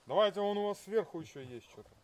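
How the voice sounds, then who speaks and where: A man's voice: high-pitched, expressive, fast talker, slight background noise. A man bantering casually and jokingly with heavy swearing, outdoors. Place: outdoors at a forest campsite.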